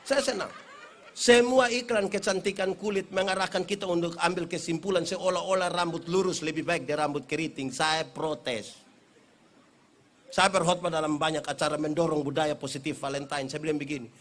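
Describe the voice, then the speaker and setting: A man with an eastern Indonesian accent preaching a humorous Christmas sermon, acting out stories in playful voices. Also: a little high. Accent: eastern Indonesian (Kupang Malay). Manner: animated storyteller, acts out villagers in funny voices. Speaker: pastor. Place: church or hall event, live.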